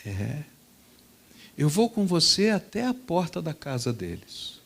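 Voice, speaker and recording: Stern quiet dad, a man putting him on in a sermon story: low, firm, unhurried. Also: wildly swooping pitch, vocal fry, heavily acted. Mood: firm, calm. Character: stern calm father disciplining his young son.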